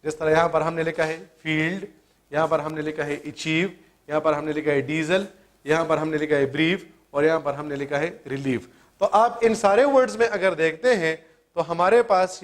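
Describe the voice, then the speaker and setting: High-voiced man teaching spelling rules. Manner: asks questions then answers them, spells out letters. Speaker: English teacher. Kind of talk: classroom grammar lesson.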